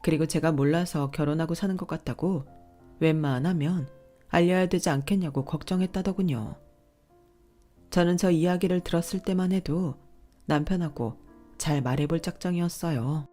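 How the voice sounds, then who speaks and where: A young adult woman calmly narrating a personal family story in scripted form. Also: on the low side, moderate pace, faint music behind. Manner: calm, recounting.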